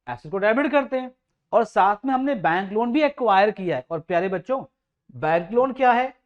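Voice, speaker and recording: A man's voice: high-pitched, lo-fi sound. A male teacher giving a classroom lecture, affectionate with his students, repeating points and quizzing the class. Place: coaching classroom.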